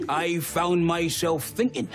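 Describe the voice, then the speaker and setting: A man's voice: on the high side, steady tone, takes it slowly, over loud music. A British man playing an enthusiastic, theatrical history teacher addressing his class in a period school drama.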